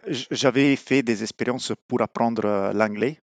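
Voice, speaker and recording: Italian-accented man, hesitant and gravelly. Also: mid-range voice, a little slow, no echo. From Italy. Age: middle-aged. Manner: hesitant, many fillers and restarts. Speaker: guest. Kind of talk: remote podcast interview.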